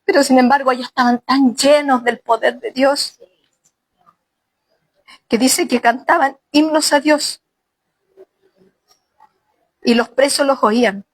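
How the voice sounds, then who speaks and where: High-voiced woman pastor preaching. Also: steady tone, slow, long pauses, no echo, rough recording. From Chile. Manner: earnest preaching, addressing the sisters directly. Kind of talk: sermon.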